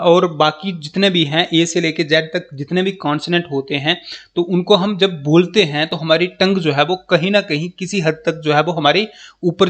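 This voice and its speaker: Guy with a jammu accent doing an exam prep grammar lesson, kinda high voice, keeps saying okay and spelling stuff out slow. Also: a bit bright. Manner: repeats "ठीक है" and "जो है वो" constantly, spells out letters slowly.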